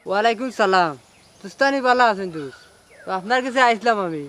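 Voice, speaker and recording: A man's voice: high voice, expressive, fast, fairly bright tone. A man with a Sylheti accent playing a worried villager who earnestly seeks advice in a comedic drama.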